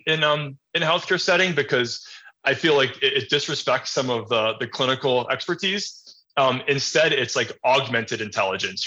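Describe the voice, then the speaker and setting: A man answering interview questions about healthcare technology in a measured, explanatory way with frequent ums. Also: mid-range voice, sharp tone. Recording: dull lo-fi audio.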